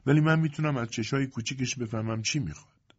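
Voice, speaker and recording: A man voicing a gentle young peasant mother, her voice soft and trembling, in an audiobook. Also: low voice, lively intonation, slightly rough, dull audio, full character voice. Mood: tearful wonder.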